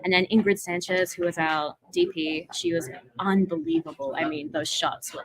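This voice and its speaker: A woman's voice: lowish voice, fairly even intonation, moderate pace, low-quality recording. A young woman with an Australian accent, a filmmaker and voiceover actor, chatting casually in an interview with many fillers. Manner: chatty, lots of fillers and laughs.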